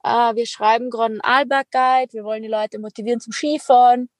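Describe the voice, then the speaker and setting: Talking a little fast with fairly even intonation, a young woman with a Tyrolean accent guests on a podcast for a casual interview chat. Her voice is a little high with no room sound, and the extreme athlete and entrepreneur stays upbeat, laughing and dropping little fillers.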